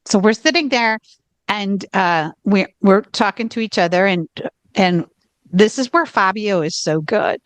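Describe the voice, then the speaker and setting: A woman from the US with a Southern drawl co-hosts a podcast, wandering through a long travel tale in relaxed chat. Her pitch is medium, there's no room sound, and "okay" keeps punctuating her pauses.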